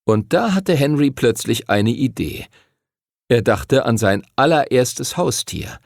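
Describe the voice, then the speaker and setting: Male storybook narrator, gravelly and dry, lively intonation. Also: mid-range voice, takes it slowly, no room sound. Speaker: audiobook narrator. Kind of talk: scripted narration.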